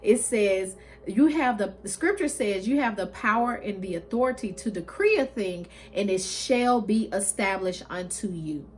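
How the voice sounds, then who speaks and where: A woman's voice: mid-range voice, lively intonation, moderate pace, soft background music. A woman with a mid-range voice delivers a casual motivational talk straight to her viewers. She is emphatic and encouraging with a touch of preaching, leaning on repeated phrases to press each point. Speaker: host, motivational speaker.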